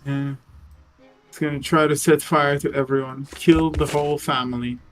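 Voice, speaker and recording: A man co-streams a game, trading sarcastic jokes in casual chat. His voice sits slightly high for a man. Faint music plays underneath. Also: little pitch movement, normal speed, low-quality recording. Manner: joking, sarcastic. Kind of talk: casual game playthrough commentary.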